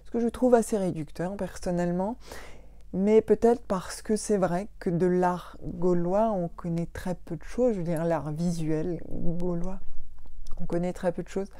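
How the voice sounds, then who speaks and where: A woman chats through a weekly live on her phone, her voice lowish and soft-toned. She takes her time, hesitating and correcting herself often. The sound is dry and close. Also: dry recording. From Alsace, France. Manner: hesitant, many fillers and self-corrections. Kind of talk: casual live talk to followers. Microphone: phone on an Instagram live.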